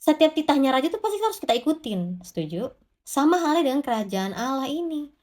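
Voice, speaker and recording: A woman's voice: sits high, very animated, fairly quick, a little mellow. A woman giving an informal devotional sermon, talking straight to the congregation and answering her own rhetorical questions. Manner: addresses the congregation directly. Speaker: preacher.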